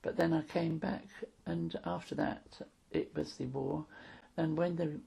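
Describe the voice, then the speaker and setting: Gravelly old London woman, very husky. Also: deep voice, steady tone, measured pace, warm tone. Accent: London English. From London, England. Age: 80s. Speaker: interviewee. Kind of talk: casual reminiscence of wartime childhood.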